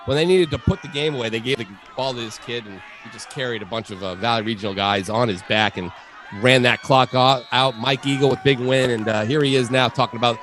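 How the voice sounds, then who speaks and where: A man's voice: medium pitch, a little fast, a bit bright, a little hiss or hum. A man co-hosting a sports podcast, telling stories in a casual chat and laughing often. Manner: laughs through his storytelling. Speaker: podcast co-host.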